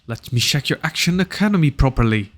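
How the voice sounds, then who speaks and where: A man's voice: medium pitch, expressive, fast talker, a bit bright. A man playing a solo tabletop game, reading the dungeon narration aloud and musing about his moves between turns, humming to himself now and then. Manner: muses aloud, hums tunes between turns.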